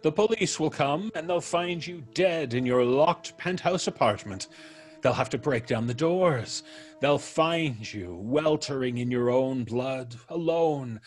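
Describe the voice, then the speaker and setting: An actor voices a vengeful former convict turned blackmailer in the manner of old-time radio, mocking and falsely courteous as he delivers threats in a fairly high voice.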